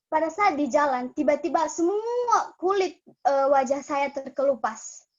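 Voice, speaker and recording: A woman's voice: high-pitched, lively intonation, unhurried, a little mellow. A young woman giving a personal testimony at a church cell group, earnest and emotional, often stopping to restart her sentences. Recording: dull lo-fi sound.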